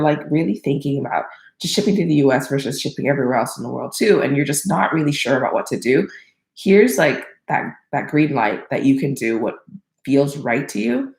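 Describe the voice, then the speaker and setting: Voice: mid-range voice, gravelly. A crowdfunding consultant from Thailand giving casual solo advice, rambling with many fillers and self-corrections. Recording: roomy echo.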